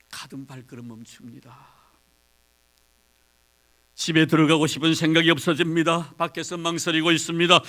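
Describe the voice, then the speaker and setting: A pastor with a fairly high voice preaches a sermon, retelling a story dramatically and swinging widely between quiet and loud.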